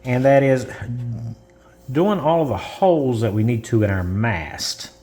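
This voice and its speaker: Faint music plays behind a man with a medium-pitched, animated, warm voice as he explains a model-building step. He takes it slowly and casually, rambling, correcting himself, chuckling, and coughing from dust.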